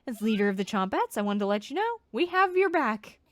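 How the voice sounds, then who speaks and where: A woman's voice: a little high, big pitch swings, a little fast, a bit bright, no room sound, voice pushed up. A woman voicing the eager, cheerful leader of a squad of food creatures in a video game, speaking in an earnest, sing-song manner.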